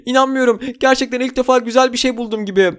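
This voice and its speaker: A man hosting a gaming video, giving excitable commentary and constantly addressing his viewers. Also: extremely high pitch, fast talker, clear, resonant tone. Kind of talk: game commentary role-play.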